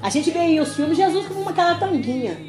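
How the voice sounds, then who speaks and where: Woman leading a Bible study, high voice, earnest and emphatic, with music underneath. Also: animated, fast talker. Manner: earnest, emphatic, addresses listeners as "gente". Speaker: women's Bible study leader. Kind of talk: preaching to a small group.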